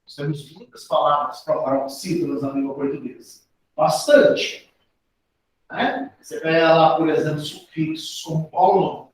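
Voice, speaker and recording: High-voiced Brazilian teacher in an echoey room. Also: male voice, a little slow, recorded from a distance. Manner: explanatory, often adds tag questions. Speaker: Portuguese grammar teacher. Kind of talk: exam-prep lesson.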